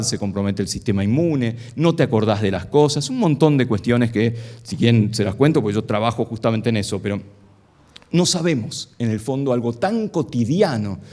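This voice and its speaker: Playful lively man lecturing an audience. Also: mid-range voice. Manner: playful, asks the audience many questions. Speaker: science lecturer. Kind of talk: live talk to an audience. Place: stage before an audience.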